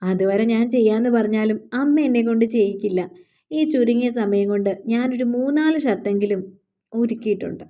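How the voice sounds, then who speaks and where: A woman voicing a gentle young husband who speaks in a soothing, reassuring way. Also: a little high, a little fast, natural voice.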